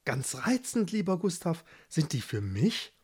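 A man voicing a gentle, sweet young woman in a fairy tale. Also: a little high, sing-song, unhurried, breathy edge, exaggerated voice. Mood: tender.

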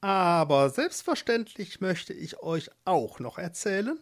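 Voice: mid-range voice, sing-song, takes it slowly, pitched above the performer's own voice. A narrator voicing a scheming old witch in a storybook, speaking with false friendliness. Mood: falsely sweet. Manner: sugary, hard underneath. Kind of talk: storybook reading.

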